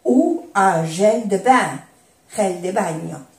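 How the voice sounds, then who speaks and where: An older woman teaching vocabulary, who repeats each word slowly and explains how to pronounce it. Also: medium pitch, expressive, creaky. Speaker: French teacher. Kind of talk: slow vocabulary lesson. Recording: echoey room.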